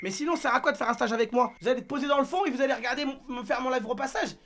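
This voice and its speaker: A man's voice: very high-pitched, very fast, gravelly, fairly bright tone, slight background noise. A young man streaming live, bantering crudely and jokingly with his chat in a brash, casual way. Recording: music playing behind.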